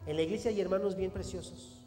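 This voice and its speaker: A man preaching a sermon as pastor, animated and emphatic, often quoting others. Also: high-pitched, fast. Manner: animated, preaching with rising emphatic phrases and acted quotes. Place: church hall. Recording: long hall reverb with faint music.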